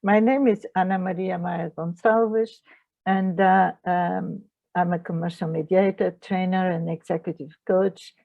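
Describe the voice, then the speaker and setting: Her voice is lowish, gravelly and steady, a little slow, with phone-quality sound. She's a middle-aged woman from Portugal, a mediator and trainer lecturing online in her second language, English, with a Portuguese accent, many hesitations and non-native phrasing.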